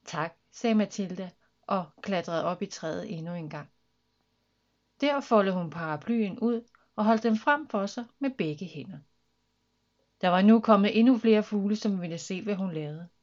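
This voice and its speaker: A woman reading a children's story aloud with lively, expressive narration. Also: mid-range voice, highs cut off.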